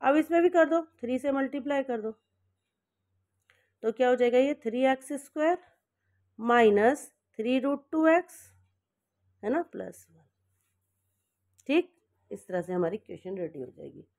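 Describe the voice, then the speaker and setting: Woman maths teacher, fairly high voice, works steps on the board, checks in often, corrects herself. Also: animated, unhurried, long pauses, a little mellow. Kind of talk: step-by-step board lesson.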